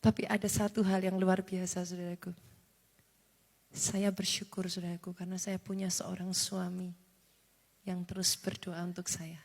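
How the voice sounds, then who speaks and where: A woman's voice: fairly low pitch, little pitch movement, moderate pace, darkish tone. A woman in her forties preaching a sermon as pastor, telling a personal story in an intimate way, often addressing the congregation and mixing in English phrases. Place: large church hall. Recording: long church hall reverb with music behind.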